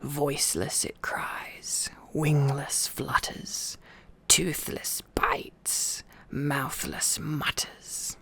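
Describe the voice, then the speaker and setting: A man voicing Gollum-like storybook cave creature, wheedling and hungry, with a hissing, whispery rasp and broken, muttering speech. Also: fairly high pitch, flat delivery, sharp tone, exaggerated voice. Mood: eerie riddling. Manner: broken grammar, drawn-out muttering to itself. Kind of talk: storybook character voice in ASMR reading.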